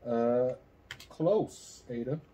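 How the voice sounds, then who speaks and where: A man's voice: medium pitch, very slow, background noise. A young man in casual podcast banter, slangy and profane, running a trivia quiz with friends. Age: young adult. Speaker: podcast co-host. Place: small indoor room at a table. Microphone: shared podcast microphone on table.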